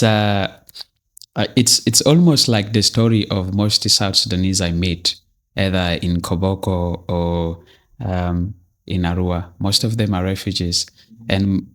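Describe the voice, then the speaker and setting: A man's voice: low voice, steady tone, measured pace, fairly bright tone. A man hosting a podcast interview, opening with a polished welcome and chatting casually with his guest. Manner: polished scripted intro, then casual chat. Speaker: podcast host.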